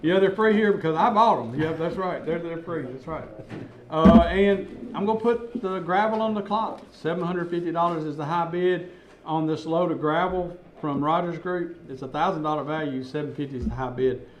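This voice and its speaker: A man's voice: a little high, moderate pace. A man hosting a live radio auction, reading out bids in a folksy, chuckling way.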